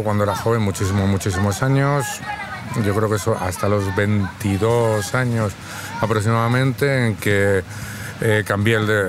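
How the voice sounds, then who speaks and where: Madrid guy in his 50s, deep voice, steady and thoughtful, traffic noise around him. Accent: Madrid Spanish. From Spain. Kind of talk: casual interview talk. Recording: outdoor street noise with traffic.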